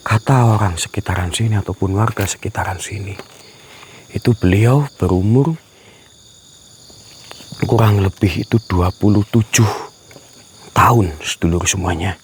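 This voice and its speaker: A man, vlogging outdoors at night in the woods, speaking slowly to viewers, often dropping to a whisper and repeating himself. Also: low voice, slight background noise. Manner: slow, often drops to a whisper, repeats phrases. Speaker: ghost-hunting vlogger. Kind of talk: hushed night vlog to viewers.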